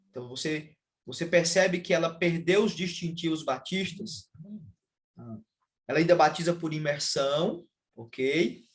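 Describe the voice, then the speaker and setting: Um pastor brasileiro explica teologia em uma conversa, de modo pausado e didático, com muitos "ah" de hesitação. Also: male voice, fairly high pitch. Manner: measured, explanatory, with frequent "ah" fillers. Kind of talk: casual theological conversation.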